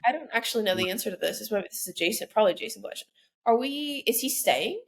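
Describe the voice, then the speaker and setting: A woman's voice: a little high, animated, creaky. Chatty young woman co-hosting a podcast. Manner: chatty, full of "like" fillers, quick to vent. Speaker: podcast co-host. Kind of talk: casual chat.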